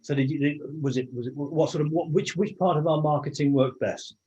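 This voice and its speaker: Over muffled video call audio, an Englishman welcomes arriving attendees to his online meeting with casual chat, frequently starting his sentences over. He sounds a little high and brisk, with a steady, dark tone, and there's a slight hiss or hum.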